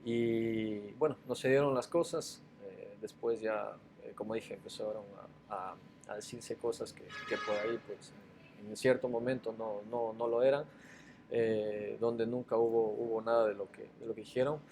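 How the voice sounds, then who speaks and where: A man's voice: fairly low pitch, fairly even intonation, moderate pace, a little mellow, slight background noise. A man from Ecuador with an Ecuadorian accent, a former footballer answering interview questions hesitantly, with many fillers and repeated words. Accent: Ecuadorian Spanish.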